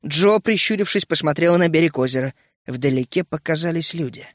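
A man reading an adventure story aloud, narrating in a measured, even storytelling manner. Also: a little high, dry recording, studio quality. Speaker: audiobook reader. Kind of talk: scripted narration.

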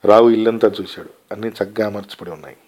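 A man narrating a short story aloud in a calm, measured storytelling manner. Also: lowish voice. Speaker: story reader.

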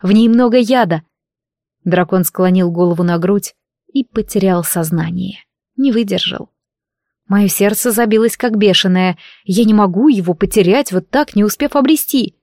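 A woman's voice: mid-range voice, moderate pace, a little mellow, no room sound. Brief: female audiobook narrator, first person, intimate and emotional, dry studio sound.

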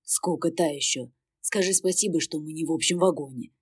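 A woman's voice: deep voice, a little fast, a little mellow, husky, dry recording, clean studio sound. A woman voicing a smug male demon companion who teases in a drawling way in a storybook reading. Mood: smug teasing. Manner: drawling, teasing.

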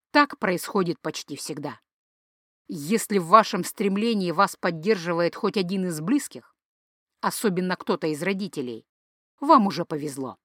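A woman reading a fantasy audiobook in a measured, even storytelling manner. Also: lowish voice, no room sound, studio quality. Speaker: audiobook narrator. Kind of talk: audiobook narration.

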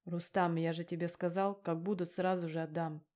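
A woman's voice: fairly low pitch, little pitch movement, moderate pace, warm tone, close to an everyday voice. A woman reading a shifty, dismissive man. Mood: pleading excuses. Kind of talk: audiobook character reading.

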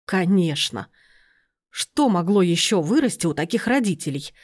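A woman reading aloud and voicing a domineering middle-aged aunt who bursts into shrill, indignant outbursts. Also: lively intonation, normal speed.

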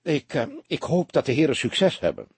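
A husky-voiced man reading the part of a flustered, nervous man who stammers and repeats himself. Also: mid-range voice, big pitch swings, moderate pace, darkish tone, dry recording, pitched above the performer's own voice, full character voice. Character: flustered nervous middle-aged man, eager to please.

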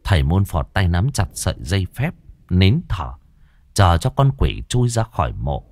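A man narrates a horror tale with lively, swooping intonation. His voice sits somewhat low, and the recording is dry and close. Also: moderate pace, dry recording. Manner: vivid, expressive storytelling. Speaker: storyteller. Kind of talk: dramatic horror story narration.

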